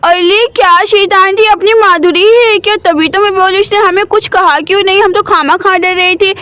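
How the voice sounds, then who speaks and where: A woman doing a shrill excitable little girl. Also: moderate pace, no room sound. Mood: excited.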